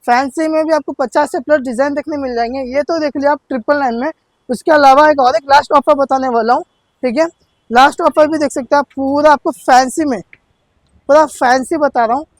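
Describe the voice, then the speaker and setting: Male shop presenter, notably high-pitched, dry sound; eager, insistent, repetitive teleshopping sales pitch. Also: steady tone, fairly quick, no room sound. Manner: insistent, repetitive, hard-selling. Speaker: shop seller presenting sale offers.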